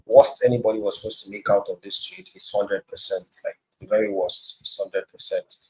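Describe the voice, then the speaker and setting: Husky-voiced man on a video call. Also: lowish voice, flat delivery, fairly quick, poor audio. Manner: walks through a price chart step by step. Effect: voice heard over a video call. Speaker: crypto trading host sharing his screen. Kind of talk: casual market analysis.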